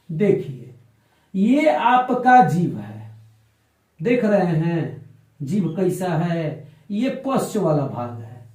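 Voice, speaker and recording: A male teacher giving a lecture, drawing out sounds slowly for his students and answering his own questions. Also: high-pitched, darkish tone, roomy sound, low-quality recording. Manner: slow, drawn-out explanation, stretching out sounds for learners; asks the class questions and answers them himself. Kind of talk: classroom lecture.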